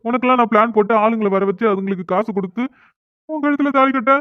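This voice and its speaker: A performer voices a whiny, sulking young cartoon husband, pleading and complaining quickly in a mid-range tone close to his everyday voice. The audio is tinny and phone-like, with no room echo.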